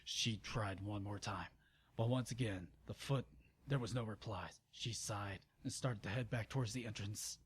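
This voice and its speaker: Here the narrator and channel host has a fairly low, husky voice and keeps a moderate pace. He stumbles through an informal, amateur reading of a dramatic story, tossing in sarcastic, exasperated comments.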